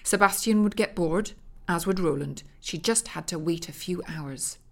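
Woman narrating a deadpan comic story. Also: on the low side, normal speed, vocal fry.

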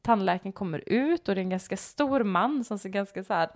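A woman co-hosting a casual podcast chat, telling stories in an animated way and often breaking into shrieking laughter. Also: mid-range voice. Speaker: podcast co-host.

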